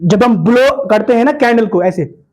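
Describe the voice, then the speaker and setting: A man teaching pronunciation to a class, repeating words slowly in drills and checking whether the students follow. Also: sits high, expressive, a little mellow.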